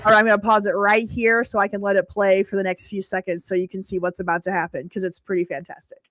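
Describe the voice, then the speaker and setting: A woman's voice: medium pitch, flat delivery, fast, a bit bright, no echo. Chatty middle-aged woman streaming live. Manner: chatty, laughs often, answers viewers' comments by name. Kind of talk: casual live stream chat.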